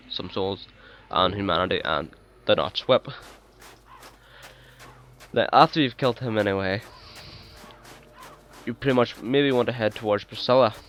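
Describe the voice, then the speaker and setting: A man with a fairly low voice talks through his gameplay in a relaxed, chatty way, pausing often on ums and uhs. He sounds easygoing and quick to apologize. Faint noise sits behind him. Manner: hesitant, full of ums and uhs. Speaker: let's play host. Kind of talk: casual gameplay commentary.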